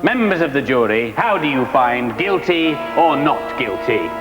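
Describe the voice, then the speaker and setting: Pompous judge over loud music. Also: male voice, mid-range voice, sing-song. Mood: solemn. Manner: pompous, deliberate, solemn. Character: pompous male judge in a mock TV courtroom.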